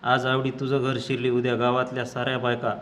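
A man's voice: medium pitch, completely flat delivery, fairly quick, a bit bright, a little hiss or hum, lightly acted. A man voicing a sly, scornful village landlord who taunts in a sarcastic way. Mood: taunting.

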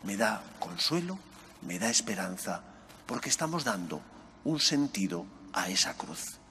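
A middle-aged male priest reading the gospel and preaching a homily at an ambo, earnest, his voice rising on questions and dropping soft on key words. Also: lowish voice, big pitch swings, unhurried, slight background noise. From Spain. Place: chapel sanctuary, at an ambo. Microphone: gooseneck mic on ambo. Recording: long church reverb.

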